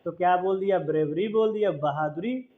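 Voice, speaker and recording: A male teacher explaining English grammar in a classroom manner, reading definitions slowly word by word and often checking with "okay?". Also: sits high. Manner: repeats checks like "okay?" and calls listeners "brother". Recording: dull lo-fi recording.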